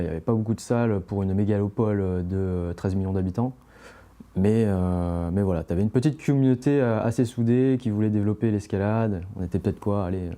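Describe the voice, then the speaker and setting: A young man from France, guesting on a podcast as the founder of a climbing brand, talks in a mellow, fairly low voice. He rambles casually, full of fillers and restarts.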